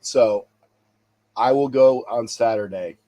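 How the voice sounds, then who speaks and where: Hosting a sports talk livestream, a stuffy, congested man rambles casually and repeats himself while signing off, chuckling to himself. His medium-pitched voice is warm and slow, with the highs cut off.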